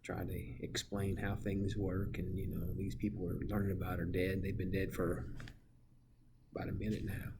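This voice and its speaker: Man, teacher, low voice, goofy and rambling, casual farewell talk, empty classroom, faint background noise. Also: completely flat delivery, moderate pace, creaky. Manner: goofy, rambling, playfully mimics students in high voices. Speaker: middle school social studies teacher. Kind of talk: casual farewell message to students.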